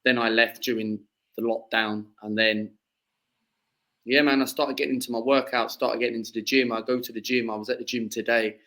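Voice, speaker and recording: A man's voice: mid-range voice, steady tone, brisk, bright, forceful tone, poor audio. A man in his twenties from southeast England, a football fan chatting as a podcast guest, rambling with many fillers and restarts. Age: 20s. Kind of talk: casual chat.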